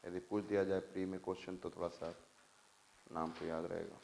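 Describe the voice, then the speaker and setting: A man's voice: deep voice, level tone, a little fast, gravelly, darkish tone, reverberant, slight background noise, poor audio. A man with an Indian accent teaching an exam coaching class, emphatic and quizzing students to repeat after him. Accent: Indian English. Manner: emphatic, asks class to repeat, mixes English and Hindi.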